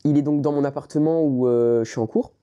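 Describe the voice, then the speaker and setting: Young Frenchman with a very dark voice. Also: on the high side, steady tone, smooth, highs cut off. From France. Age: young adult. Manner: halting, searches for words. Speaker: interviewer and channel host. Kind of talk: casual conversational interview.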